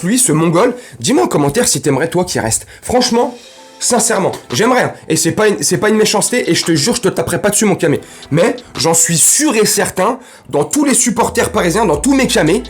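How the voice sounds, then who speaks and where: A man hosting a football fan vlog, ranting casually in street slang and breaking into loud outbursts and jokes. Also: high-pitched. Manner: animated, slangy, bursts into shouting and laughs. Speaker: football fan channel host.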